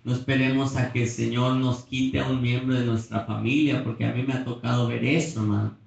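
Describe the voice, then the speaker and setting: A man preaching a Pentecostal sermon, emphatic, rising to near-shouting when he reads Scripture, recorded on a phone from the back of a church. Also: medium pitch, little pitch movement, brisk, creaky, dull audio. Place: church hall. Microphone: phone camera at a distance. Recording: echoey church, phone from far off.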